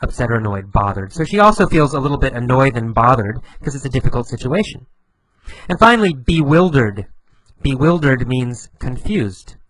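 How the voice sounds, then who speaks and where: Patient man explaining words slowly. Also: medium pitch, dry recording, rough recording. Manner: slow, patient, repetitive explanations with lively emphasis. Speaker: English teacher. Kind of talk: explaining vocabulary.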